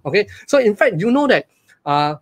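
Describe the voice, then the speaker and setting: An online business coach, a man in his forties with a Malaysian English accent, runs a live webinar over a webcam on a video call from a small room. His voice is high and his pace moderate as he talks energetically and repetitively, firing lots of questions at the audience.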